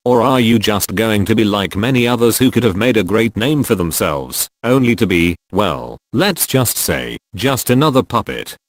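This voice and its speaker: A man reading a grave, measured scripted address as an anonymous spokesman, his voice disguised to sound deep. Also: no echo. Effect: disguised deep voice, pitch-lowered.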